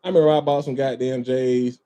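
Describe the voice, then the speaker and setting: A man's voice: mid-range voice, fairly even intonation, a little fast, dark tone. A man hosting a casual podcast, telling a long story with lots of swearing, laughter and "man" and "bro" thrown in. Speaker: podcast host.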